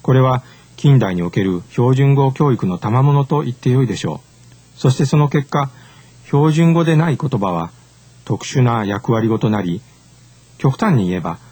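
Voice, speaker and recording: Husky-voiced man giving a formal lecture. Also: medium pitch, darkish tone, no room sound. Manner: measured, formal and explanatory. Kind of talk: scripted lecture narration.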